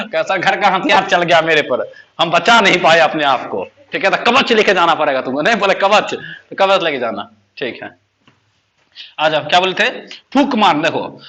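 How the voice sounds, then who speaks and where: A man's voice: sits high, sharp tone. A man teaching a basic English class, joking, laughing often and quizzing his students with repeated questions.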